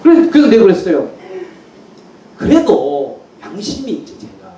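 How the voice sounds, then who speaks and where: Animated male pastor in an echoey hall. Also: high-pitched, normal speed. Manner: animated, chuckling anecdotes. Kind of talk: storytelling sermon. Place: church hall at a mission conference. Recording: echoey hall, mic far off, faint hiss.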